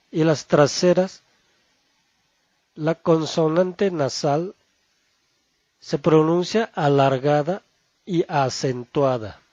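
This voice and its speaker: A man teaching Chinese pronunciation, saying each syllable slowly and twice over. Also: on the high side, darkish tone, no room sound, dull audio. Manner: slow, deliberate, repeats each syllable twice. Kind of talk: pronunciation lesson.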